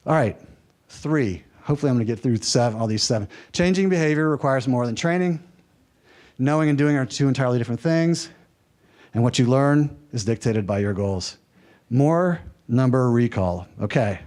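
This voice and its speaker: A man's voice: mid-range voice, animated, moderate pace, darkish tone. A man from the American South presenting a workshop lecture, conversational and lightly humorous, checking in with his audience. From American South, mountain region. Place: workshop room.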